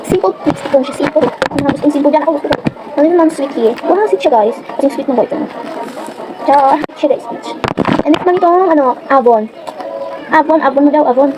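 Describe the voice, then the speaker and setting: Fast-talking high-voiced Filipino woman. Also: very noisy. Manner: chatty, rambling, many fillers. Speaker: vlogger. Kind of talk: casual get-ready-with-me chat.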